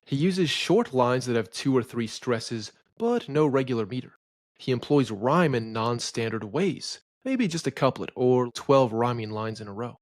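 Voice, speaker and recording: A man giving a scripted lecture on poetry, who reads lines of verse slowly with heavy stress. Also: medium pitch, lively intonation, dry recording, studio quality. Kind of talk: scripted educational narration.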